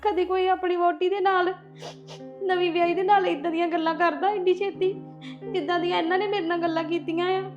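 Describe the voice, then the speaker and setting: A woman playing a tearful young bride, very high voiced. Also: fairly even intonation, moderate pace. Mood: crying. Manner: pleading, tearful. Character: tearful young newlywed bride, wronged and pleading. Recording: dull lo-fi sound with music behind.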